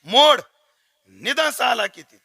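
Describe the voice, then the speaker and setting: Man voicing a fond mother, coaxing, teasing, high, lively. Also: a little slow, exaggerated voice. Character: soft-spoken, doting village mother.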